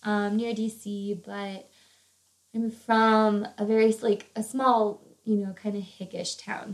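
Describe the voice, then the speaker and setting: A woman's voice: mid-range voice, vocal fry, poor audio. Bubbly early-twenties woman, podcast cohost, chatty and giggly. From Northern Virginia, USA. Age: 20s. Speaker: podcast co-host. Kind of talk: casual chat.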